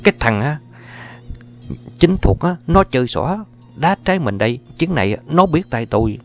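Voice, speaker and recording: Guy playing an exasperated husband, loud grumbling, lo-fi. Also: fairly high pitch, big pitch swings, moderate pace, faint music behind, voice pushed up. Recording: dull lo-fi recording.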